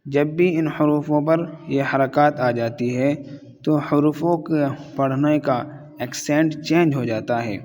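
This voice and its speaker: A man's voice: fairly high pitch, a little mellow. A man teaching an Urdu reading lesson, patiently drilling syllables one by one in a methodical way. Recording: long reverb on the voice.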